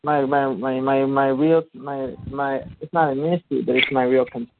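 A man's voice: mid-range voice, steady tone, moderate pace, no room sound. Muffled stammering man on phone. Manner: hesitant, stammering. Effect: muffled phone line. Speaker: caller. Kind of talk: casual phone chat. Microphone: phone held away from mouth. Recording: muffled tinny phone line, far from mic.

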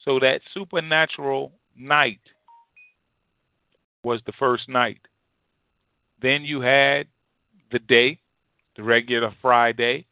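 A man preaching a Bible teaching sermon as an apostle, exhorting listeners directly in deliberate, halting phrases with emphatic repetition. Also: mid-range voice, fairly even intonation, no echo. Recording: thin phone-like band-limited audio.

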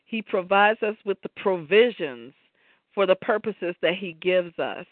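A woman's voice: lowish voice, animated, measured pace, no room sound. A woman co-hosting a faith talk show, reflecting on scripture in a loose, chatty way. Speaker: podcast co-host. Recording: tinny phone-like line, dry.

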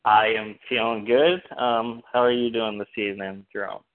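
A man co-hosting a casual sports chat in a hesitant, halting way, over a muffled connection. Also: lowish voice, steady tone. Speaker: sports podcast co-host.

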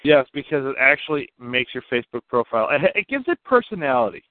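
A male co-host heard through a thin, phone-like band with a dry sound. His pitch is average for a man. He banters and teases casually, doubling back on phrases to stress them. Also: very animated, fast, dry recording. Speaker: radio show co-host.

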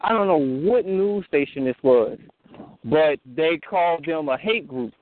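A man hosting a call-in fellowship discussion, talking in a halting way with many fillers and restarts. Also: on the high side, animated. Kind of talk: casual phone discussion. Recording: tinny phone line.

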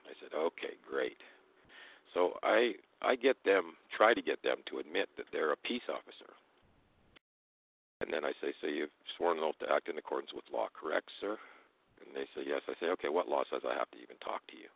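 Really deep creaky guy, toothless mushy speech, explaining stuff casually over a tinny phone line. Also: expressive, brisk, no room sound. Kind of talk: casual explanatory talk with hesitations.

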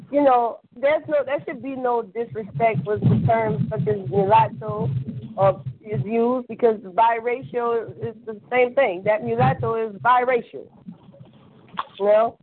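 Over a tinny phone line with slight background noise, a woman with a fairly high voice calls into a podcast to talk history. Her chat is casual but blunt and emphatic, and she repeats herself for weight and swears freely.

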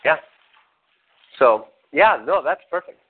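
A man's voice: a little high, animated, slow, slightly rough. A man with an American accent chatting casually and informally with family and friends, using slang. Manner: informal, slangy, peppers talk with Spanish greetings. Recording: thin phone-like sound with people chattering.

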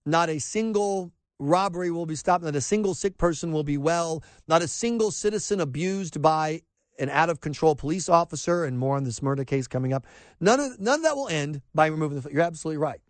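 A man's voice: on the high side, brisk, no room sound. Impassioned middle-aged male radio host. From rural South Carolina. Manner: impassioned, stumbling restarts, mocking asides. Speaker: radio talk show host. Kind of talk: opinionated radio monologue. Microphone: close studio mic, dry.

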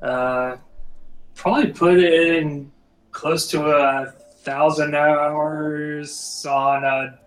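A man's voice: a little high, steady tone, very slow. A man chatting casually as a podcast guest, terse and hesitant, in an echoey room. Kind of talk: casual chat. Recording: echoey room, faint music.

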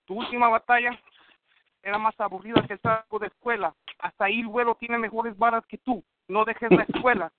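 High-voiced man rapping over a phone. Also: steady tone, a little fast, background noise. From Northern California. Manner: aggressive, boastful insult rhymes. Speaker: battle rapper. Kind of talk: rap battle verses over the phone. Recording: tinny dry phone line.

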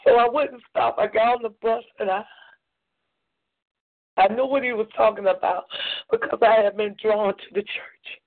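A woman's voice: a little high, fairly even intonation, normal speed, pauses often. A woman giving an earnest personal testimony as a guest on a call-in show, often repeating her phrases. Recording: phone line.

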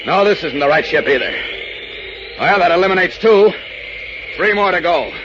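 An actor playing a determined, heroic superhero who thinks aloud in declamatory 1940s radio style. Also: male voice, sits high, animated, normal speed. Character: determined heroic male superhero searching urgently. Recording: dull vintage radio, noisy background.

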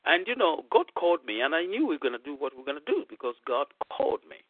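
Animated man on a tinny phone line. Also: a little high, fast talker, no room sound. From Zambia. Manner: hesitant, many fillers, emphatic rises. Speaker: pastor and radio host. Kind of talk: casual radio talk.

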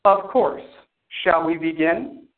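Uma IA fria e formal. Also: male voice, fairly high pitch, takes it slowly. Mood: cold. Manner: precise, emotionless, clipped. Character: cold formal male artificial intelligence. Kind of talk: audio drama acting. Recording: tinny phone-like sound.

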